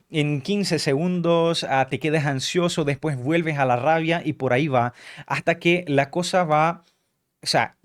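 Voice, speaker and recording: Earnest guy coaching at a drawing board, voice a bit high, keeps asking "ok?". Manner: earnest, keeps checking understanding with short tag questions; repeats key phrases for emphasis. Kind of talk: teaching talk explained at a drawing board. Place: indoors, drawing as he explains.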